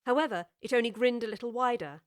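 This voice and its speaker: A woman narrating a children's classic in a measured, clear storytelling manner, recorded on a studio microphone. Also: a little high, no room sound.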